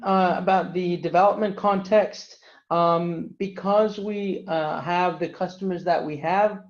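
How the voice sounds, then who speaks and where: A man from Iceland giving a webinar talk, halting with many fillers and restarts. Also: sits high, darkish tone. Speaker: conference speaker. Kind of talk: webinar presentation. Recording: dull lo-fi webinar audio.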